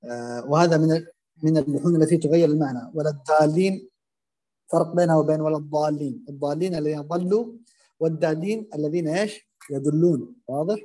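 A man teaching Quran recitation, explaining and demonstrating common pronunciation errors in a halting, filler-heavy way. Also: on the high side, warm tone. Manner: hesitant, many fillers and restarts, demonstrates pronunciations aloud.

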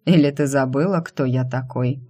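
Woman doing a vampire boss guy, low dark voice, cool and teasing, takes his time. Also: moderate pace, breathy edge. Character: mocking male vampire boss, calm and dry. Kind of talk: audiobook character voice.

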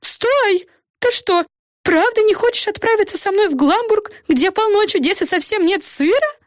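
A woman's voice: expressive, normal speed, no room sound, studio quality. A woman voicing a pompous, squealing tiny female fairy with a piercing voice in an audiobook. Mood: eager. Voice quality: shrill, piercing. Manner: haughty and bossy, exclaiming. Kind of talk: audiobook voice acting.

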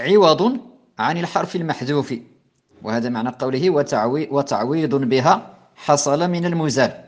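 Man slowly teaching Arabic grammar. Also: medium pitch. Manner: slow, repetitive teaching with many restarts and fillers. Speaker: Islamic scholar teaching Arabic morphology. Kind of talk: recorded lesson explaining a grammar poem.

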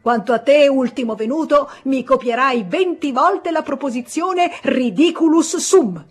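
A woman's voice: medium pitch, very animated, unhurried, a little mellow, slightly rough, exaggerated voice. A woman voicing an irritable, stern male schoolteacher who barks commands at his class. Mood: furious. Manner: barking, indignant commands.

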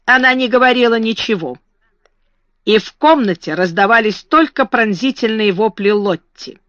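A woman reads a story aloud with expressive storytelling. The recording is dry with a slightly dull, muffled tone. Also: a little high, normal speed, no room sound. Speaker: audiobook narrator. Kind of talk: scripted narration.

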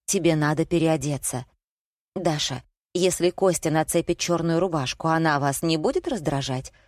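A woman narrating an audiobook and voicing a calm, solicitous male psychologist who speaks with concern. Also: low voice, moderate pace, no echo, studio quality, natural voice. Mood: coaxing. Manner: concerned, soothing.

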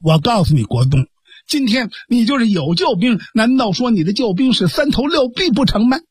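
Storyteller doing a tough young girl who scolds her dumb brother, kinda husky. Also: mid-range voice, big pitch swings, normal speed, no room sound, studio quality. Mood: scolding. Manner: sharp, scolding. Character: feisty young woman martial artist, scolding.

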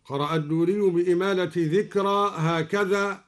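A man from Egypt giving a radio lesson on recitation variants, calmly explaining each point and then chanting the verse slowly and melodically. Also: sits high. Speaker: Quran recitation teacher.

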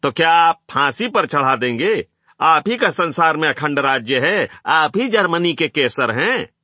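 A man voicing a hostile crowd of men who jeer and shout at a speaker in an audiobook. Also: mid-range voice, expressive, measured pace, vocal fry, no echo, heavily acted. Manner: jeering, shouting.

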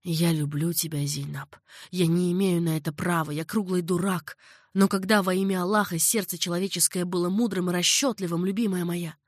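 A woman voicing a passionate young nobleman who is in love, speaking low, hushed and earnest. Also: steady tone, moderate pace, no echo, clean studio sound, close to an everyday voice. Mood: anguished.

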